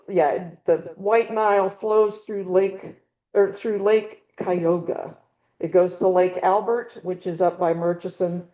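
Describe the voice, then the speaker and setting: A middle-aged woman gives a casual slide talk to a birding club in a meeting room with a small audience, rambling with frequent ums and restarts. Her voice sits on the low side, and the highs are cut off, as her handheld or clip mic has a dying battery.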